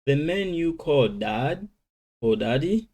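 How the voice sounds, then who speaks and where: Man, Lingala speaker, beginner English lesson, slow word drilling, mellow tone. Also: fairly high pitch, sing-song. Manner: switches between languages, slow drilling of English words. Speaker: language teacher. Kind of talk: informal vocabulary lesson.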